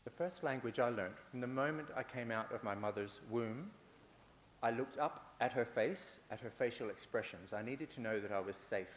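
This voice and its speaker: Speaking at a moderate pace in a mid-range voice, a man presents a conference talk in a big, echoey hall with faint background hiss. He tends to repeat himself for rhetorical effect and occasionally fills pauses or restarts a sentence.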